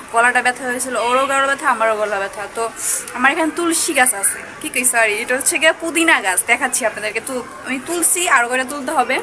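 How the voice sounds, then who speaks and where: A woman's voice: sits high, pushed and bright, poor audio. A young woman chatting casually to her viewers in a home vlog, talking through a cold and a sore throat. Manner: chatty, rambling, addresses viewers directly. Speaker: vlogger. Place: home, indoors and on a rooftop garden and kitchen.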